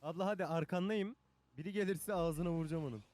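A man's voice: a little high, fast, a little mellow, slight background noise. A young man in a gaming session, chatting cheerfully and helping a friend along. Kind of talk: casual gaming chat.

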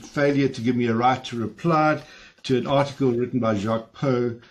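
A man's voice: medium pitch, fairly even intonation, fairly quick. A man hosting a panel on a video call, stammering through restarts as he moderates. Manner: warm, stammering restarts, laughs. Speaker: host and moderator.

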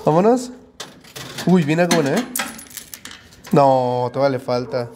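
A man's voice: medium pitch, lively intonation, unhurried. A man from Mexico hosting a livestream at an arcade coin machine, chatty and greeting viewers by name, with a congested nose. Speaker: livestream host. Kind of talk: live streaming chat at an arcade coin machine. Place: indoor arcade. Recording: noisy arcade with clicking machines.

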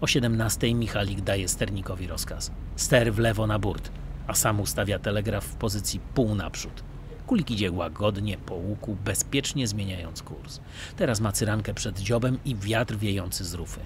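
A man narrating a true maritime story in a measured, grave manner. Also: fairly low pitch, noisy background. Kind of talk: documentary narration.

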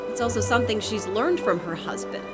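A woman reporter with an American accent reading a scripted local news feature in a measured storytelling way. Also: mid-range voice, expressive. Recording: voice-over with loud music bed.

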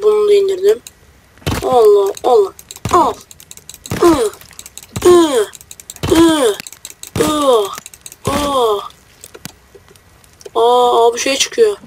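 A man's voice: very high voice, slight background noise. Brash young man commenting on a game. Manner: brash, joking, swears at enemies. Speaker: gamer. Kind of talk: casual let's-play commentary.

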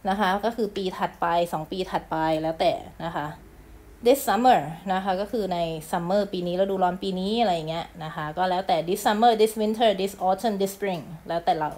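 A woman English teacher, from Thailand, explaining a lesson in a chatty manner, reading English phrases slowly and clearly, with polite endings and casual asides. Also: mid-range voice, warm tone.

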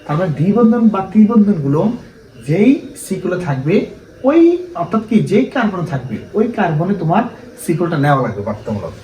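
A man's voice: high-pitched, sing-song, brisk, mellow, a little hiss or hum. A man teaching a chemistry lesson to students, explaining step by step and often asking them rhetorical questions. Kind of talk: classroom lecture. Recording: echoey room from a distance.

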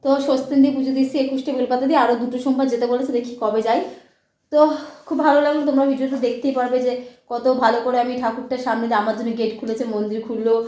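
A woman's voice: on the high side, steady tone, rapid-fire, mellow. A woman, vlogging casually to her viewers on a handheld phone, chatty and rambling. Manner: chatty, rambling, repeats herself. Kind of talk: casual daily vlog talk to viewers.

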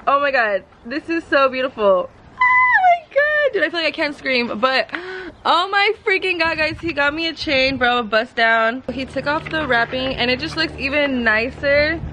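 A woman of twenty-two, talking to her camera in a casual vlog, excitable and gushing, full of slang. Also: high voice, moderate pace, hardly any pauses, a little hiss or hum, rough recording. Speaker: vlogger.

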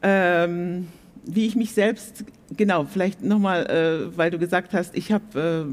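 A woman in her sixties, a guest on a theatre stage, telling her story in a reflective, animated way. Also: on the low side, unhurried. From Germany. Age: 60s. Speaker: panel guest. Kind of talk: stage panel talk.

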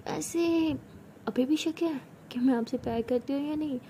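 A tender, protective young woman who talks softly to the one she loves, as a woman narrator plays her. Her high, mellow voice is often hushed, over a faint hiss. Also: normal speed.

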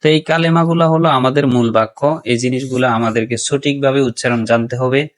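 A man teaching pronunciation, reciting phrases slowly and drawn out, then explaining common mistakes in plain talk and repeating words to correct them. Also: mid-range voice, fairly even intonation. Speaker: religious teacher.

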